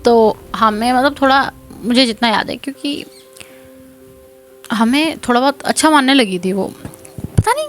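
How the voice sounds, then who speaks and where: A young woman telling a personal story in a chatty, animated way, often laughing and mixing in English words. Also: fairly high pitch, normal speed, pauses often, faint music behind. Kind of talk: casual storytime narration.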